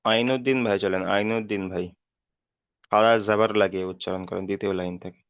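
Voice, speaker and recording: Guy teaching a class over a call, smooth clear voice, dry phone sound, keeps asking if students follow. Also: lowish voice, steady tone, quick pace, no room sound, narrow, tinny audio. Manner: patient, repeats each step, checks in often. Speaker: Quran reading teacher. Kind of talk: online class, letter-by-letter drilling. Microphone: online call.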